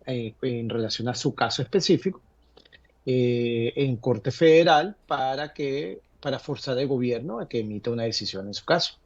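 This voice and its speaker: A man explaining legal matters to viewers, pausing often on fillers and restarting his sentences. His voice sits in an ordinary middle register and comes through dry, with no room sound. The audio is dull and lo-fi, like a remote link. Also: medium pitch, expressive, a little mellow, dry recording. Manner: halting, many fillers and restarts. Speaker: legal guest answering viewer questions. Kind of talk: live call-in advice segment.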